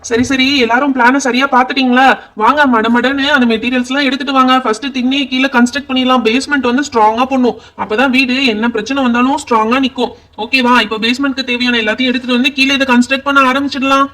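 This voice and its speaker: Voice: high-pitched, flat delivery, quick pace, bright, forceful tone. A performer voicing a bossy young boy doll who orders his friends around in a doll pretend-play show. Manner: bossy, ordering others about.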